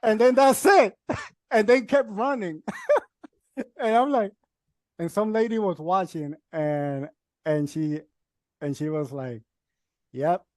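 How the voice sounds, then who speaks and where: A man's voice: sits high, animated, slow pace, pauses often, darkish tone, no room sound. A young man host in casual chat about raising his kids, talking in loose, repeated starts and often laughing as he acts out quotes.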